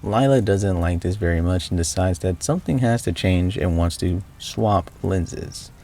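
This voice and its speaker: Deep voiced guy narrating a scripted game explainer, measured, soft dark tone. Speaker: video narrator.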